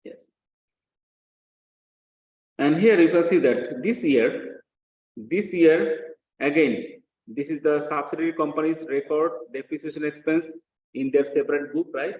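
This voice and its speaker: Speaking unhurriedly in a slightly high, darkish voice, this man teaches accounting by walking through a worked example, repeating himself and checking in with brief questions. The audio is muffled and dull, recorded in an echoey room.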